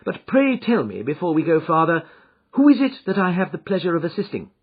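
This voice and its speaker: A self-assured detective , played by a male reader, speaks in a suave, cheery, slightly raised voice. His delivery is lively and a little husky. The storybook recording is dull and muffled. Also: high-pitched, brisk, voice pushed up, heavily acted. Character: calm, confident male detective.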